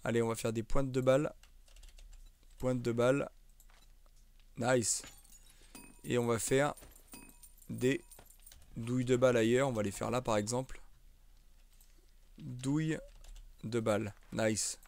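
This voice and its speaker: A man's voice: mid-range voice, fairly even intonation, slow, long pauses, darkish tone. A young man commentating a survival game live, easygoing and talkative. He banters with viewers in the chat and jokes about his play. Keyboard typing clicks under his voice. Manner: chatty, joking, reads and answers viewer chat. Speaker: streamer.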